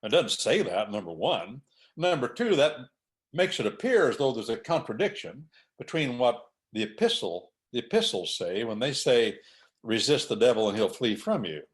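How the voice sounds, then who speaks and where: Lively, emphatic male talk host. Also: medium pitch, moderate pace. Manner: emphatic, preacher-like repetition of points. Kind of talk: conversational talk on faith and order.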